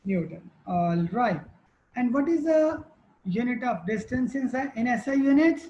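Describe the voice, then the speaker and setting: A woman's voice: a little high, lively intonation, unhurried, warm tone, muffled recording. A woman teacher giving a classroom lecture, quizzing students and repeating their answers.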